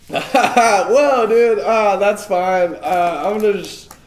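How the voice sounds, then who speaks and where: A man voicing an easygoing village tomato seller in a tabletop game, with laid-back, drawn-out bro slang. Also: high voice, reverberant, pitched above the performer's own voice. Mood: nervous, placating. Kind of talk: improvised tabletop game role-play.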